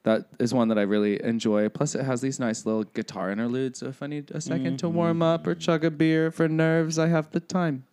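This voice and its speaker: A man's voice: medium pitch, little pitch movement, fairly quick, hardly any pauses, a little mellow, clean tone. A man chatting casually on a podcast, asking questions in a playful, profane way. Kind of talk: casual chat.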